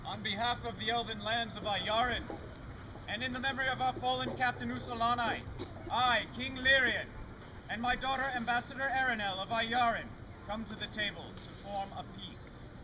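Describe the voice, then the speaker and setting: Man playing a very high-voiced stately elf king. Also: steady tone, moderate pace. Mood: ceremonial. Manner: formal ceremonial declamation. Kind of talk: Renaissance faire stage drama, olde speech. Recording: noisy outdoor live recording.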